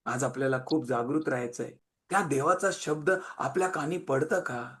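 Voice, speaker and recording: A man preaching a sermon, emphatic, swinging between loud and quiet and repeating phrases in long lists. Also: mid-range voice, moderate pace.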